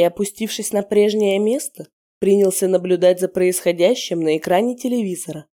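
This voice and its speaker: A woman reading a first-person novel aloud, narrating in an even, measured way. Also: on the low side. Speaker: audiobook narrator.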